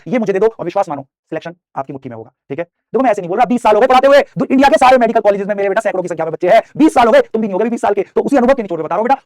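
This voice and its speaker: A man, an animated coaching teacher giving an online chemistry lecture and calling his students "beta" like a father. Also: high-pitched, no echo, studio quality.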